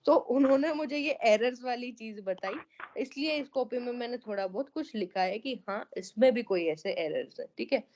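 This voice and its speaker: A woman's voice: a little high, normal speed, a little mellow, muffled recording. A woman teaching an online class, going over students' essays and often checking that they follow. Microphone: online meeting audio.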